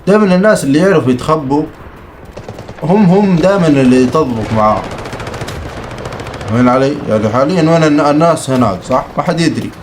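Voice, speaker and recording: A young man giving excitable, teasing live commentary while playing a shooter game. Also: fairly high pitch, fast talker, long pauses, slight background noise. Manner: excitable, teasing, mutters complaints. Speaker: gaming streamer. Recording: game audio with gunfire behind.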